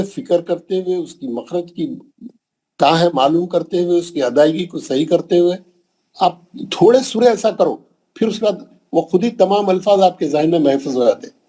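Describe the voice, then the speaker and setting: Patient man drilling Quran letters slowly. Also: high voice, lively intonation, dark tone, slightly rough. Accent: Hyderabadi Urdu. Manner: patient, repeats letters slowly and corrects pronunciation. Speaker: Quran tajweed teacher. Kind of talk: online tajweed lesson, slow drilled recitation. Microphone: online class call.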